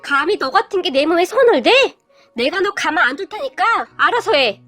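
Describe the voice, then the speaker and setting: Woman putting on a shrill, snobbish rich mother. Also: lively intonation, brisk, no echo, faint music behind. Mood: haughty. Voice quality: sneering, scornful. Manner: yelling, contemptuous.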